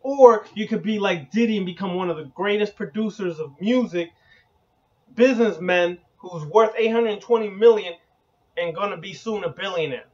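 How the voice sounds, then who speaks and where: A man hosting an occult channel, delivering a blunt, emphatic preaching monologue that repeats slogans and is occasionally profane. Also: sits high. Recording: dull lo-fi recording.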